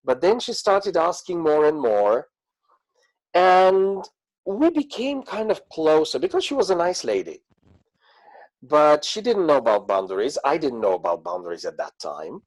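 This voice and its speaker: Slow, animated male mentoring coach. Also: a little high, no echo, rough recording. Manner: slow, reflective, acts out quoted voices. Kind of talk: spoken lesson with personal stories.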